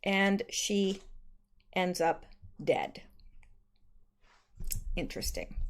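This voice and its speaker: On her own channel, a woman with a lowish voice casually reads out posts and riffs on them, loose and conversational, with lots of ums and self-corrections.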